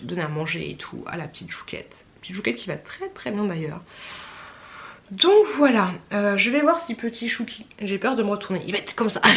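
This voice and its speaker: A woman's voice: medium pitch, gravelly. A young woman vlogging in casual, rambling chat, a little tired, with many fillers.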